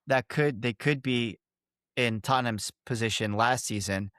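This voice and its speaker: Mid-pitched man, emphatic casual chat. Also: a little slow, a bit bright, clear, resonant tone, dry recording, studio quality. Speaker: podcast co-host.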